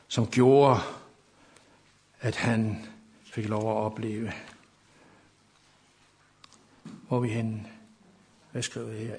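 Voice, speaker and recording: A man preaching a sermon, reading scripture aloud and retelling it, climbing to loud, high emphasis in the dramatic passages.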